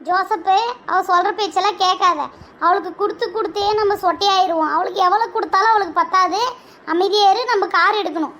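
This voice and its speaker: A woman's voice: very high voice, steady tone, fast, bright, forceful tone. A woman playing a shrewd, bossy mother-in-law in a comedy skit. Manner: bossy, coaxing.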